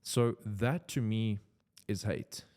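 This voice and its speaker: Speaking slowly in a slightly mellow voice on the low side, a young South African creator rambles through a casual, unscripted vlog in English. He speaks Afrikaans, has a South African accent, and uses many "like" fillers.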